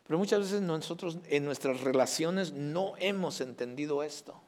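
A Mexican pastor preaching to his congregation, his voice sitting a little high for a man. He swings from loud, emphatic declarations to soft, close asides. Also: normal speed. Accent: Mexican Spanish. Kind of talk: sermon.

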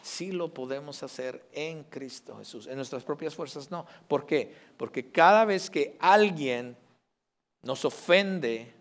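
A man from Mexico with a Mexican Spanish accent, a pastor preaching a sermon, swinging between loud emphatic lines and soft, intimate asides. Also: on the high side, takes it slowly.

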